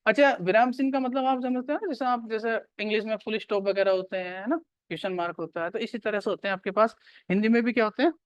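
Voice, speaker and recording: A man's voice: high voice, quick pace, clean tone, no echo, dull audio. A male teacher giving a classroom grammar lecture, repeating key points and quizzing his students.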